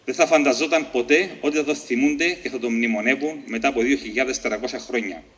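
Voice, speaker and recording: A man reading his own short story aloud at a book launch, with a measured, deliberate delivery and the odd slip and restart. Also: medium pitch, fairly bright tone.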